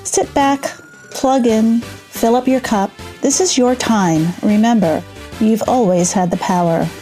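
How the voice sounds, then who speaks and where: A woman's voice: on the high side, fairly even intonation, a little slow, mellow, faint music behind. A woman in her sixties with a New York accent, hosting a podcast in an enthusiastic, chatty way. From New York State. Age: 60s. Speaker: podcast host. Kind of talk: upbeat podcast intro and interview.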